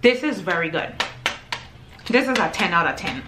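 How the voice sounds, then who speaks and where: A woman with a fairly low voice talks casually to her camera as she samples groceries, pausing to chew and describe the flavors. The chat is loose and chatty, full of fillers. A faint hiss of background noise sits under the recording. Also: very animated. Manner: chatty, tasting and describing food between bites. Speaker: vlogger reviewing groceries.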